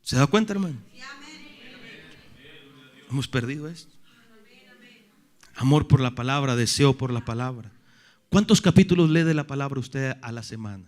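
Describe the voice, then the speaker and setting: A man preaching a sermon as pastor. He asks rhetorical questions, calls his listeners brother, and swings between loud emphatic lines and low, quiet ones. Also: animated, normal speed, long pauses.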